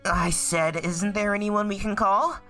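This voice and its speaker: A woman's voice: medium pitch, fairly even intonation, a little slow, a bit bright, faint music behind, lightly acted. A woman voicing an earnest, suspicious young male hedgehog time traveler in a comic dub. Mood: urgent, suspicious. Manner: blunt, urgent, easily flustered.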